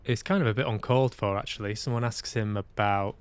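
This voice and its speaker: Fast and clean-toned, this man's voice is fairly low in pitch. He hosts a livestream from Manchester, UK, chatting casually during gameplay while hesitantly musing aloud to himself.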